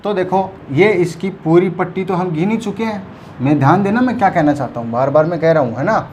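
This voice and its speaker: A man's voice: high voice, expressive, fairly quick, darkish tone, a little hiss or hum. A man teaching a math lesson, counting aloud patiently and checking often that his students follow.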